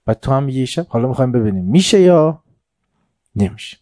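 A man giving a religious lecture to a seated audience. He tells stories with quoted dialogue and recited Arabic, swinging from soft asides to emphatic points. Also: medium pitch, sing-song, no echo, clean studio sound. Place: room before a seated audience.

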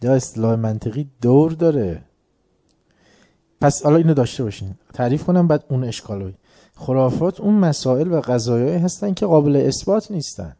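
A man's voice: mid-range voice, lively intonation, dark tone. A man giving a philosophy lecture, emphatic, asking the audience rhetorical questions and urging them to pay attention.

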